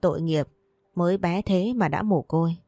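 Caring young guy in a storybook, read by a woman, low and warm, plain delivery. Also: moderate pace, no echo, studio quality, soft background music. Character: young man, easygoing and caring.

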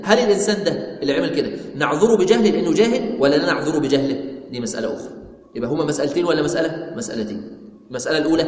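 A man's voice: on the high side, darkish tone. A man with an Egyptian accent teaching a religious lesson, reading a creed text aloud and explaining it. He poses rhetorical questions, answers them himself and repeats his points for emphasis. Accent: Egyptian Arabic. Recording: echoey hall with long reverb.

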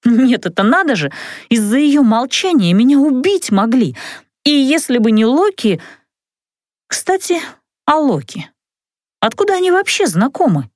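Expressive woman audiobook narrator. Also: high voice, unhurried, long pauses, no echo, studio quality. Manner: expressive, ironic storytelling. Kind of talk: first-person fantasy audiobook narration.

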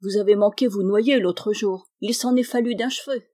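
A woman's voice: mid-range voice, normal speed, dark tone, natural voice. A woman reading the lines of an earnest young island woman who speaks in a sing-song voice.

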